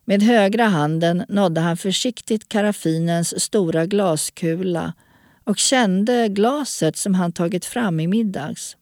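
A woman narrating an audiobook story in a calm, even storytelling manner. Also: lowish voice, no echo, studio quality.

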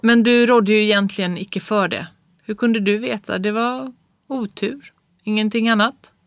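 A reader voicing a brisk, assured doctor. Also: medium pitch, fairly even intonation, a bit bright, no room sound, natural voice. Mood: reassuring. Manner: brisk, reassuring. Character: confident male doctor, brisk and reassuring. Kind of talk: audiobook reading of classic prose.

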